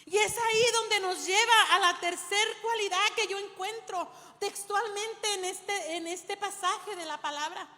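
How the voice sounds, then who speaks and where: A woman preaching in a very high, bright voice. She tells stories from the pulpit and keeps turning to her listeners as "brother". Her voice carries a long reverb from the hall. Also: unhurried, hardly any pauses. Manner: storytelling, often addresses listeners as brother. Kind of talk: sermon.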